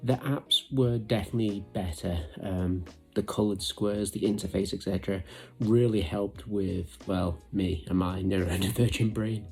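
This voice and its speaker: A man talking through a hobby challenge in a casual vlog. He sounds relaxed, chatty and self-reflective. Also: sits low, normal speed, gravelly, husky, faint music behind. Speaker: hobby vlogger. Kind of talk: casual vlog narration and updates.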